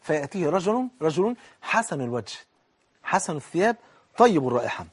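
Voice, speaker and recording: A husky, raspy-edged Egyptian man gives a colloquial sermon at a rapid clip. His voice sits high for a man, and he keeps it lively, sliding from near-whispers to loud bursts as he voices the people in his examples. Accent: Egyptian Arabic. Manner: animated, swings between hushed and loud, acts out dialogue. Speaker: preacher.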